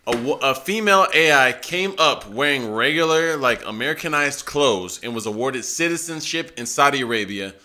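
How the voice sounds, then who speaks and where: A man's voice: medium pitch, animated, normal speed, hardly any pauses, pushed and bright. A man co-hosting a podcast in casual chat, swearing and laughing often. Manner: loose, profane, laughing often. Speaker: podcast co-host.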